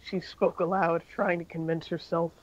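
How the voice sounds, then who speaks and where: A man's voice: a little high, level tone, moderate pace, highs cut off. A man reading a fan-fiction story aloud in an amateur style, with occasional slips and self-corrections.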